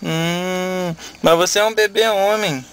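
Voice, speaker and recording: A man talking with his young sons in a casual home video, gently coaxing and teasing them with questions. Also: high voice, fairly even intonation, takes it slowly, very noisy.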